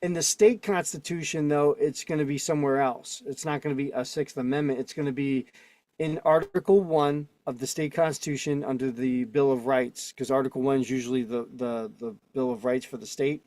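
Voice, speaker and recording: A man's voice: mid-range voice, fairly even intonation, fairly quick, darkish tone, dry recording. A man teaching casually on a video call. He argues his points and keeps checking in with the listeners. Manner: argumentative, keeps checking in with "right?" and "okay?". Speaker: instructor.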